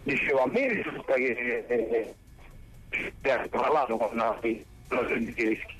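A man's voice: mid-range voice, unhurried, fairly bright tone, slightly rough. A man reporting sports news over a phone line with spotty reception, hesitant and repeating words as he reasons. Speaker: sports correspondent.

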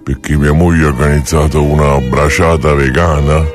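A man whose voice is pitch-shifted deep by computer to stay anonymous, a radio guest telling a rueful deadpan story. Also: moderate pace, music in the background. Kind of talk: comic radio call-in sketch.

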